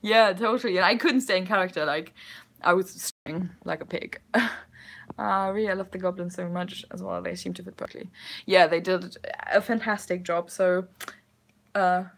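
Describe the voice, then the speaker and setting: Telling stories in a loose, rambling way, this young woman vlogger giggles frequently and leans on plenty of fillers. She speaks at a normal speed in a lowish, steady voice with vocal fry.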